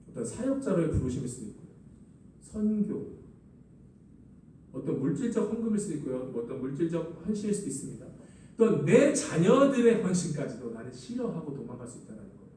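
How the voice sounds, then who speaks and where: A man's voice: on the high side, sing-song, moderate pace, pauses often, mellow, far from the mic, slight background noise. A man preaching a sermon as a pastor, acting out the lines he quotes. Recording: echoey hall, voice from afar.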